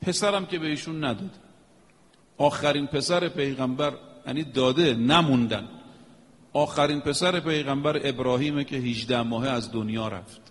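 A man preaching a religious sermon, emphatic and rhythmic, chanting Arabic phrases now and then. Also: medium pitch. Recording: long echo of a hall.

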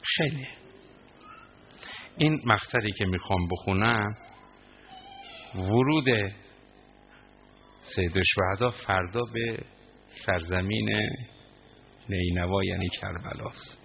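Gravelly impassioned preacher on a tinny line. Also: male voice, sits low, long pauses. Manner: impassioned, voice breaking into sobs. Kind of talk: mourning sermon with recited narration. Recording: tinny phone-like line, faint noise.

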